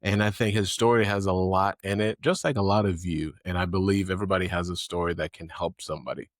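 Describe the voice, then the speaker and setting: A man's voice: deep voice, fairly even intonation, fast talker, no echo, studio quality. A man from Haiti hosting an interview podcast, speaking in an earnest, encouraging way with many fillers. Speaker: podcast host.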